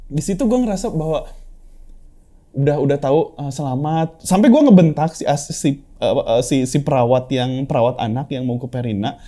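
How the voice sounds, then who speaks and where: An earnest young man tells a personal story in a relaxed chat, stumbling and restarting as he quotes others. His voice is very dark and mellow. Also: medium pitch, moderate pace. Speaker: guest sharing a personal story. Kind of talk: casual heartfelt chat.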